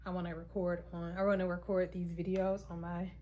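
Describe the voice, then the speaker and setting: A tired woman, a content creator vlogging her routine, rambles casually to camera at home, chatty, thinking aloud, interrupting herself and sometimes out of breath. Her voice is lowish, level, brisk and narrow, and the audio is tinny.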